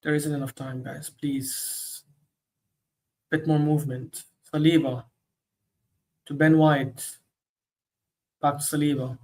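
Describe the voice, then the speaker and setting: A man hosting a football watchalong, giving live commentary that swings between low muttering and sudden excited shouts. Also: takes it slowly, pauses often. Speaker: host of a football watchalong stream. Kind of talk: live match commentary and reaction.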